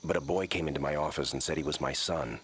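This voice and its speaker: An actor playing a stoic, earnest cartoon pig with an Ozark twang, speaking in a measured, wordy deadpan. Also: male voice, very deep voice, slight background noise. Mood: deadpan, tender. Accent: American Ozark twang.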